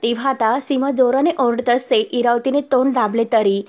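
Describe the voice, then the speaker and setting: A woman's voice: a little high, moderate pace. A woman narrating a recap of a TV serial episode as a voice-over. She tells it step by step and links each moment with "and now". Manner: steady storytelling, linking every step with "and now". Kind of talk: retelling a serial episode, quoting characters.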